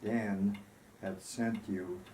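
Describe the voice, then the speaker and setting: A tender, grieving woman in a storybook romance, read by a man in his own fairly low voice. The delivery is earnest, reflective and very slow, in an echoey room. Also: fairly even intonation, mellow. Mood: tender, wistful. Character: tender, grieving woman recalling her lost love. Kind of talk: storybook reading. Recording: roomy echo, faint background noise.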